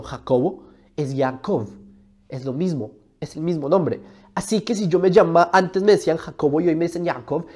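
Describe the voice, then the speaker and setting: A slightly high, dark-toned, somewhat rough voice belongs to a man from Colombia who hosts religion videos. In this argumentative explainer monologue, recorded in a studio on a lapel mic, he pushes his case emphatically with many rhetorical questions.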